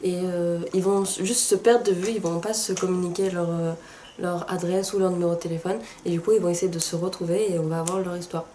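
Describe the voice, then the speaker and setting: A woman's voice: on the low side, steady tone, a little fast, warm tone, slight background noise. Sick young woman chatting casually. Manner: chatty, hesitant with many fillers. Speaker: book channel co-host. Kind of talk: casual chat.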